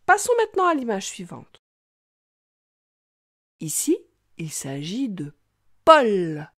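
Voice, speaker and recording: A woman teaching young children to read, talking slowly in an exaggerated, sing-song way. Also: medium pitch, huge pitch swings, husky, dry recording, studio quality. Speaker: reading teacher. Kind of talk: children's reading lesson.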